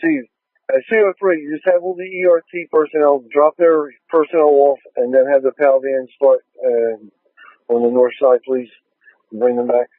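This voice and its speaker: A man's voice: medium pitch, little pitch movement, normal speed, no echo. A man speaking as a police officer, passing instructions to a dispatcher over the radio. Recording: tinny phone-like scanner radio.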